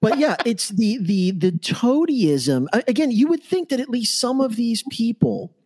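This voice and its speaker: A man's voice: very high voice, animated, unhurried, a little mellow, slightly rough. Sarcastic male political talk-show host. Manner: sarcastic, mocking, acts out imagined quotes.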